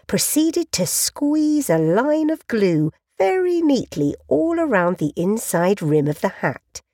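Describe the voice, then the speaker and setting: Woman reading a kids' story out loud, voice swoops up and down a lot, dry close sound. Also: husky, no room sound. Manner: expressive, sweeping pitch with slowed emphasis. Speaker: narrator. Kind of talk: storybook read-aloud.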